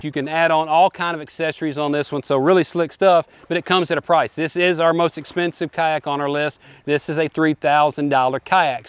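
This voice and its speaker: A man in his forties who hosts a hunting show stands on a lakeshore, giving an upbeat, folksy, salesman-like walkthrough reviewing kayaks. His voice is a little high and smooth, recorded dry.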